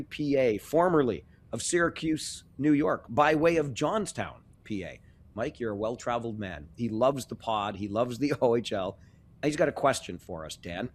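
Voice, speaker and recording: A man co-hosting a sports podcast in a genial, conversational way, chuckling now and then. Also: mid-range voice. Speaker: podcast co-host. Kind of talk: casual sports podcast chat.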